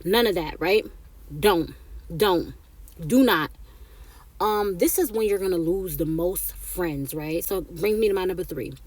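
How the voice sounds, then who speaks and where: In a dry recording, a woman in her thirties speaks a little slowly, her lowish voice slightly mellow, as she shares casual life advice to camera. She chats on, repeats herself, and adds "right?" or "okay?" to her points.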